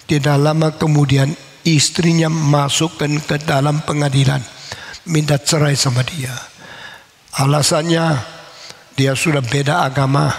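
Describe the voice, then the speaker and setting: A man preaches a sermon woven with a personal story. His fairly high voice has a gravelly edge, and he rises sharply on his emphatic points, then slows down to let them land. The long reverb of a large hall rings after every phrase. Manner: emphatic, rising on key points, slows for weight.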